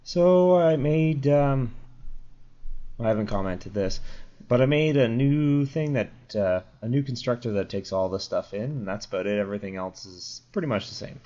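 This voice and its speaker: Speaking at normal speed with a medium-pitched, mellow and expressive voice, a young man with a sore throat talks through code. His voice is slightly crackly, and his screen-recorded tutorial rambles with fillers and self-corrections, recorded on a dull lo-fi microphone.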